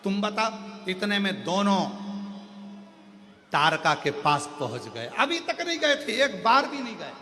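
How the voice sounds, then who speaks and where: A man giving a devotional scripture discourse as a storyteller, with emphatic, rising exclamations at a large live gathering. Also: fairly high pitch. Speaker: religious storyteller. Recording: long hall reverb with devotional music.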